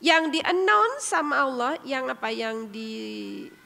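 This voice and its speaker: High, bright-voiced woman preaching. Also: big pitch swings, slow pace, vocal fry. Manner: emphatic, asks rhetorical questions. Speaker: religious teacher. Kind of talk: sermon to women's study group. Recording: echoey hall with long reverb.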